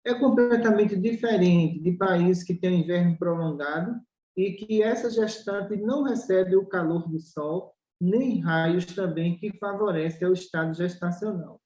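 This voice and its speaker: Emphatic dark-voiced Brazilian woman, roomy. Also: on the low side, unhurried. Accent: Brazilian Portuguese. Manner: emphatic, acts out dialogues and fires rhetorical questions. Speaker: spiritual doctor answering questions. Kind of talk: explanatory talk in a spiritual study podcast. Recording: roomy, dull lo-fi recording.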